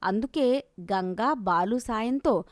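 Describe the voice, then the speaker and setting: A woman's voice: a little high, slow pace, no echo, studio quality. Woman narrating a storybook cartoon. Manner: calm, steady storytelling.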